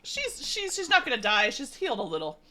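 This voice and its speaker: A woman player at a tabletop game, chatty and giggly. Her high voice swings widely as she urges the party on. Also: huge pitch swings, fairly quick, sharp tone. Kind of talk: casual tabletop play.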